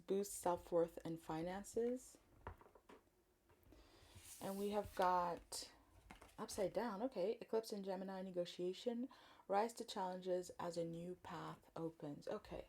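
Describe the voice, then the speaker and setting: Soft-spoken woman giving a tarot reading. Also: fairly low pitch. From Congo. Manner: gentle, thoughtful, pausing often with fillers. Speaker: tarot reader. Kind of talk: spiritual card reading.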